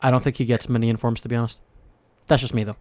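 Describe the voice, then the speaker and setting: Excitable young man chatting. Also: medium pitch, racing. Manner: excitable, rambling, swears casually. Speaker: podcast co-host. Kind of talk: casual chat about football cards.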